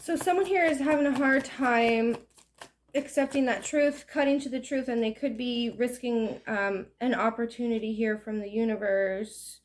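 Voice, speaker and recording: A woman's voice: on the high side, moderate pace, slight background noise. A woman giving a casual, rambling tarot reading in a chatty, self-deprecating way. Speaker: tarot reader.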